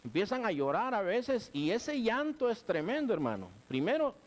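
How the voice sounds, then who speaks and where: A middle-aged male pastor, preaching a sermon with lively, conversational asides. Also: high-pitched, normal speed. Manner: animated preaching, keeps saying "hermano", acts out quoted voices.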